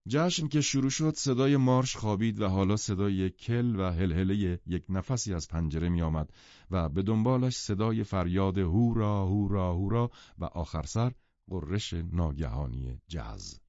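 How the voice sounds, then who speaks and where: A male audiobook narrator with a low, dark, mellow voice tells the story in a measured way. The recording is dry, with no room sound. It is also muffled and lo-fi. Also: animated, dry recording. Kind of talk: scripted literary narration.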